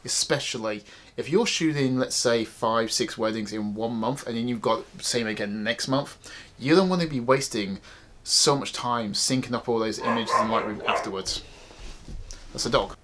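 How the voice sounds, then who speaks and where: A man's voice: mid-range voice, normal speed, fairly bright tone. Chatty man giving tips. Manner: chatty, emphatic, repeats phrases. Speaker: wedding photographer. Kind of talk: casual advice vlog.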